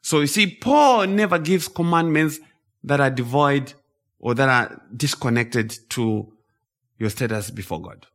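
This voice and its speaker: A man's voice: medium pitch, lively intonation, measured pace, fairly bright tone. A man from Zimbabwe preaching a sermon, stressing and repeating key phrases.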